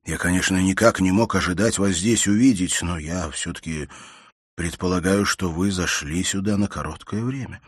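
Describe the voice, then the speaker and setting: An anxious young man from an audiobook, voiced by a male reader keeps offering earnest reassurance. The voice is low and husky. It sounds dry and close. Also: moderate pace, no room sound. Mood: anxious reassuring. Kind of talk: audiobook character voice.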